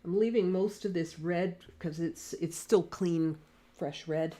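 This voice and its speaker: A woman teaching watercolor painting in a live lesson, speaking quietly and thinking aloud as she paints, on a desk mic. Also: lowish voice, measured pace. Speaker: watercolor art instructor. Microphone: desk mic near camera.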